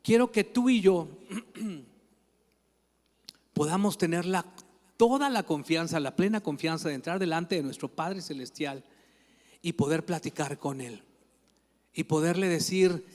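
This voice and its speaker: A man's voice: on the high side, a little slow, pauses often, darkish tone. A male pastor, preaching in a conversational, storytelling way. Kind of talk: sermon. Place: church hall. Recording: long church hall reverb.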